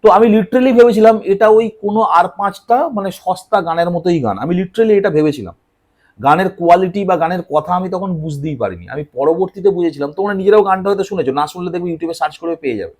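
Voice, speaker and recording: A man's voice: sits high, animated, quick pace, a little mellow. A young male teacher giving a casual classroom lecture for exam prep, chatty, posing questions and answering them himself. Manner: chatty, asks and answers his own questions.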